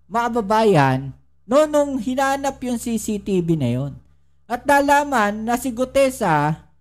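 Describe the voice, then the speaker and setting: A woman's voice: fairly high pitch, darkish tone. A woman giving casual political commentary to her viewers, full of rhetorical questions and tag questions. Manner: addresses viewers directly and often.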